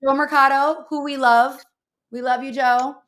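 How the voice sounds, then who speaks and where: Chatty woman co-host, higher voice. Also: fairly even intonation, moderate pace, a bit bright. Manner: chatty, rambling, many fillers. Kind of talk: casual podcast chat.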